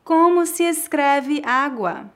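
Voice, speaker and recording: In a high-pitched, fairly bright voice, a woman with a Brazilian Portuguese accent leads a pronunciation lesson, articulating clearly and deliberately so learners can repeat.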